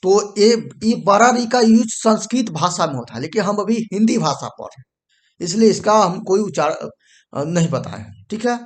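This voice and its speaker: A man's voice: high voice, lively intonation. A male teacher giving a whiteboard grammar lesson, repeating himself, checking in often and stopping to fix what he wrote. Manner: repetitive, checks in with "ठीक है"; pauses to correct and erase the board.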